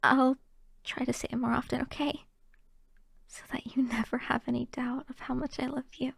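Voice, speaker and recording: A young woman plays a shy, loving girlfriend in an intimate ASMR roleplay, speaking softly and hesitantly and often dropping into whispers close to the mic. Her high voice is gravelly and slightly rough, with flat delivery at a moderate pace. The recording has no room sound, and the performance is heavily acted.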